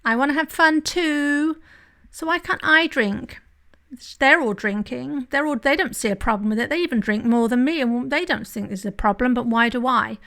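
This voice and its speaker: A woman's voice: high-pitched, moderate pace, fairly bright tone. A woman voicing her own whiny, self-pitying inner toddler. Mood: whining.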